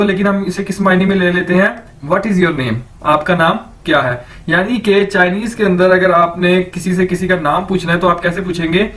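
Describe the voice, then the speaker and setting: A man's voice: high-pitched, fairly bright tone, far from the mic, low-quality recording. A man teaching a language lesson, saying each word several times and checking in with the listener. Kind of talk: slow instructional lecture with repetition drills.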